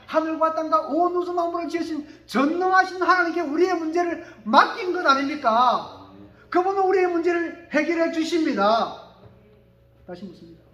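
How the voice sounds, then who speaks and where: A male pastor preaching a sermon, swinging from quiet asides to shouted declarations and calling for amens from the congregation. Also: extremely high pitch, roomy sound. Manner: calls for amen from the congregation.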